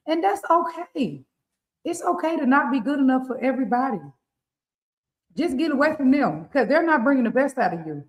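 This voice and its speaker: A relationship coach with a rural Southern US accent co-hosts a casual live-stream morning show, giving lively, preachy advice and laughing often. Her voice is a little high, and the room has a roomy echo.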